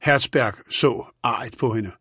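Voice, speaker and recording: A man narrates an audiobook in a calm, even, steady reading voice. His voice sits at a middle pitch. The recording is dry and close. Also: slightly rough, no room sound.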